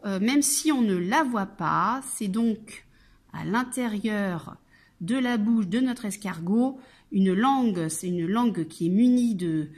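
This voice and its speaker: A woman teacher, slowly sounding out syllables and letters in a phonics lesson for children. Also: mid-range voice, husky.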